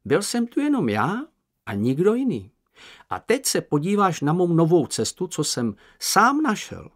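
Guy doing a squeaky nervous little storybook critter, whiny, jumpy pitch, kinda husky. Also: wildly swooping pitch, full character voice. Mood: boastful. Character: small timid boastful male creature. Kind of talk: audiobook character voice.

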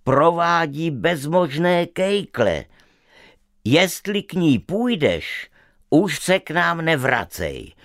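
Stern, strict parents from a fairy tale, voiced by a storyteller who give a firm warning. The tone is raised and lively and sounds close and dry. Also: mid-range voice, dry recording, voice pushed up.

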